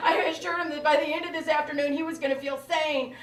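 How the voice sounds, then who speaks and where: A woman comedian telling a stand-up story in an animated way, acting out the people in it. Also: sits high, quick pace, heavy background noise. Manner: animated, voices characters. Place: comedy club. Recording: echoey comedy club, loud crowd, far mic.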